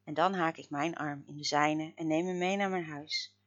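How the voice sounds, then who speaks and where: A woman narrating a story in the first person, dramatic, swinging between loud outbursts and hushed murmurs. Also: low-pitched, steady tone, moderate pace, highs cut off.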